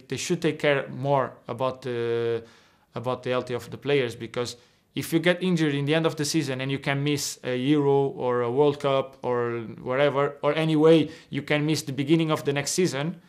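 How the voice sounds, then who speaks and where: Speaking from an indoor locker room, this young man, a footballer whose first language is Portuguese, answers interview questions earnestly over a video call. His voice sits in the mid range, and he frequently starts over and repeats words.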